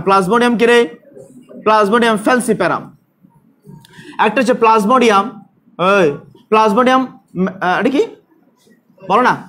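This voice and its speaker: A male biology teacher lecturing a class, drilling students with repeated questions and scolding those who talk. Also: high voice.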